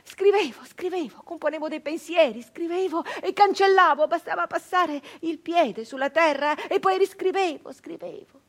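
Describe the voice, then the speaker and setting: In a theatrical radio monologue, an actress voices a traumatized, grieving peasant woman of the 19th century, sounding feverish and obsessive. Her very high-pitched delivery is halting and intense, with phrases repeated obsessively and breathy speech that can fall toward a whisper.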